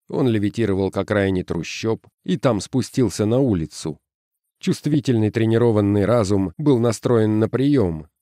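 A man narrating a science fiction story in steady, measured scripted narration. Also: on the low side, no echo, studio quality. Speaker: audiobook narrator.

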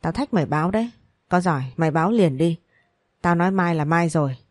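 A woman's voice: lowish voice, expressive, quick pace, no room sound, clean studio sound. A woman voicing a harsh, stingy older male factory boss who scolds curtly. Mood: harsh scolding. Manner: curt, scolding.

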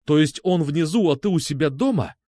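A man's voice: fairly high pitch, animated, brisk, dark tone, no echo, studio quality. A man reading an audiobook, voicing a desperate young man who gives urgent, commanding orders. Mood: urgent angry.

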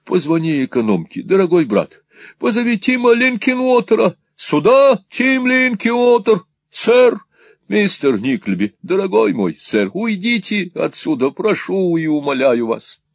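A man voicing a flustered, kindly elderly gentleman in an audiobook, speaking high, excited and drawn out. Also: normal speed, gravelly, few pauses, slightly rough, no echo, exaggerated voice. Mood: fussing urgent.

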